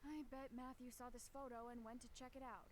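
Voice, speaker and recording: A woman's voice: sits high, level tone, a little fast, background noise, lightly acted. A woman voicing a curious young girl detective. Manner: inquisitive, puzzling things out aloud. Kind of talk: video game voice acting.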